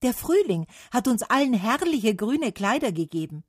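A chorus of excitable trees, put on by a woman, calls out in a raised, bright voice that swings up and down. They sound eager and a little demanding, like a storybook crowd clamoring for gifts. The recording is dry and close. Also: a little high, normal speed, breathy edge, dry recording, pitched above the performer's own voice. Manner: excited, calling out.

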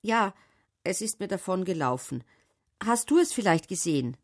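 A woman voicing a kind, gentle young shepherd boy who speaks earnestly in a storybook reading. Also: medium pitch, sing-song, moderate pace, voice pushed up.

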